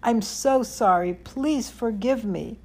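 A woman's voice: a little high, slow, darkish tone, breathy edge, pitched above the performer's own voice, full character voice. A woman voicing an indignant male town rabbi in a storybook, speaking firmly and later sounding shaken. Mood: remorseful. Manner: stern, then shaken and apologetic.

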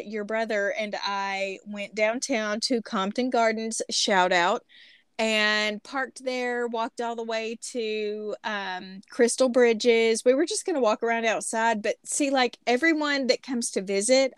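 A woman's voice: on the high side, clear, resonant tone, no echo, studio quality. A middle-aged woman with a Southern American hillbilly accent, chatting casually and self-deprecatingly as a podcast host. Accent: Southern US hillbilly, Appalachian-like. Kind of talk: casual chat.

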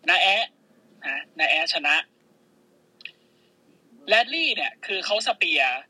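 Guy hyped up recapping matches, lots of swearing, bright husky voice. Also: high voice, takes it slowly, no echo, low-quality recording. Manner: excitable, swearing, play-by-play storytelling. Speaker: podcast co-host. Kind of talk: casual wrestling recap.

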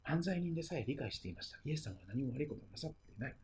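A pastor preaching a sermon and retelling the story, often letting phrases trail into a hush. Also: medium pitch, very animated, rapid-fire, breathy edge.

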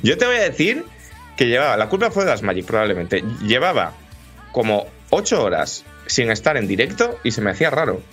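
A man with a Spain Spanish accent hosting a casual live-stream podcast, joking and animated as he chats and laughs. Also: mid-range voice, fairly quick, faint music behind. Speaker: host.

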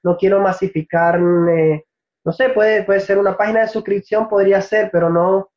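A man from Venezuela, a Spanish teacher, answering interview questions in a reflective way, often pausing to search for words and laughing easily. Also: high voice, steady tone, a little mellow. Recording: dull, lo-fi recording.

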